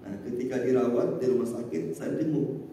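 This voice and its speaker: Male Indonesian preacher, dark mellow tone, storytelling sermon, recorded from afar. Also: mid-range voice, fairly quick. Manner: storytelling, constantly addressing the congregation with "Pak, ya". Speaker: ustadz preacher. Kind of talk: mosque study sermon. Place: mosque hall. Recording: echoey hall from far off, faint noise.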